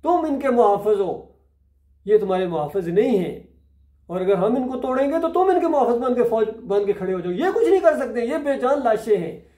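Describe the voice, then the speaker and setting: A man's voice: extremely high pitch, big pitch swings, a little fast. A man preaching who voices the prophet Abraham, a stern old man scolding idol worshippers, in an echoey room. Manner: forceful, scolding.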